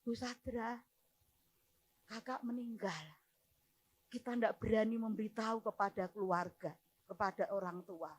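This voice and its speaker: A woman with a Javanese accent quoting a frightened grieving relative in a hushed voice. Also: mid-range voice, a little slow, long pauses, lightly acted.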